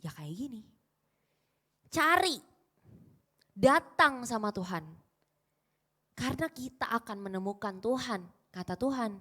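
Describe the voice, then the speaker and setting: Higher-voiced young woman preaching casually. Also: lively intonation, a little slow, long pauses, pushed and bright. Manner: conversational, quizzes the congregation with questions. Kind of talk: casual youth sermon.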